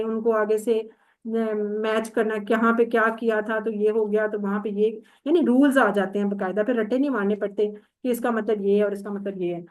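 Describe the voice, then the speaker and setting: A woman teaching an online class, patiently explaining step by step and quizzing her students. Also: a little high.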